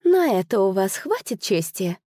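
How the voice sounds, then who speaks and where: A woman's voice: mid-range voice, lively intonation, moderate pace, darkish tone, no echo, studio quality, lightly acted. A woman voicing a beautiful noble hostess whose sweet courtesy turns to venom, speaking with silky mockery and hidden anger. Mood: mocking.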